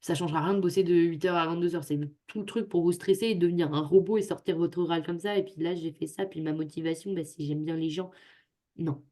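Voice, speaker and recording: This young adult tutor talks fast in a mellow, low-leaning voice with a steady tone. She's chatting casually with her students on a video call, joking and teasing herself along the way, all through a computer microphone.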